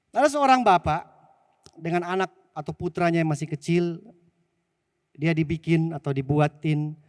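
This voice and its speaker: A male pastor preaching a sermon and telling a story, animated and often asking the congregation questions. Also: on the high side, dry recording, clean studio sound, big-room sound. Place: church hall.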